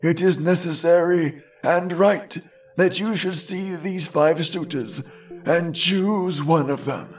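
An old foster father past seventy pleads gently and earnestly, as a male narrator puts him on, his voice raised high and drawn out slow. Soft music drifts faintly underneath the storybook reading. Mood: earnest pleading. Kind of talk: storybook read-aloud.

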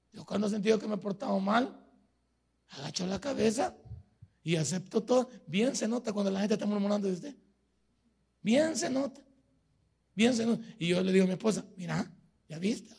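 Gravelly high-voiced Salvadoran pastor. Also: male voice. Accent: Salvadoran Spanish. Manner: folksy preaching with everyday anecdotes. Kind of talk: sermon.

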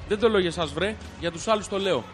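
A man co-hosting a podcast, reading listener messages aloud with a patient, dry manner in casual banter. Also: high voice. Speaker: podcast co-host. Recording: faint music underneath.

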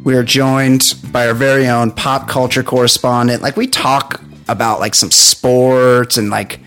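A man hosting a casual comedic chat, rambling and halting as he repeats himself. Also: medium pitch, fairly even intonation, a bit bright, faint music behind. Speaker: talk show host.

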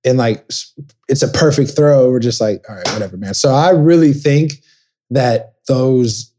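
With slight background noise behind him, a young podcast guest from Dallas, Texas, rambles through casual stories and acts out quotes. He speaks at normal speed in a mellow, medium-pitched voice.

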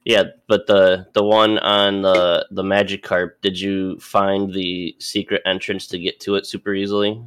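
A man's voice: low voice, level tone, measured pace, hardly any pauses, a bit bright, smooth. A man in his late twenties in casual podcast chat, drowsy and easygoing. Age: late 20s. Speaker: podcast co-host.

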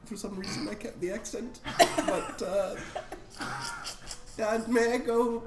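A man's voice: sits high, fairly even intonation, a little slow, reverberant, over loud music, voice pushed up. A man voicing a small, thin boy scout who is polite, nervous and stammers. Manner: stammering, hesitant.

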